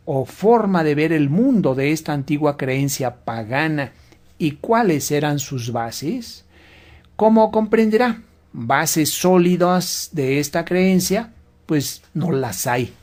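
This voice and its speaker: A man speaks slowly and deliberately. He sounds like a guest lecturing on a religious radio program, laying out each point in a measured way. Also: a little high, a little mellow. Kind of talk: slow explanatory religious radio talk.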